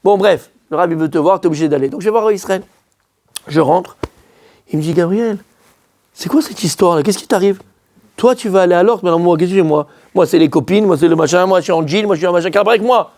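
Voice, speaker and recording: A man from France, a rabbi, telling a personal story in a lively, animated way, often acting out his own words. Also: high-pitched, fast.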